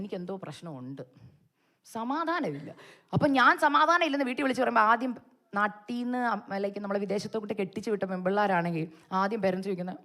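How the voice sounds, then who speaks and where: A young Malayali woman preacher giving a testimony sermon, telling her story with animated storytelling and acting out the dialogue. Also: mid-range voice. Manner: animated storytelling, acts out her own cries and the Lord's words.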